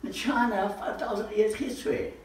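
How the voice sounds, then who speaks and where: An older man teaches informally in his living room, near a projector screen, speaking at normal speed in a high voice with fairly even intonation. He asks rhetorical questions and gestures widely, and a far-off camera records him in an echoey room with a little hiss or hum.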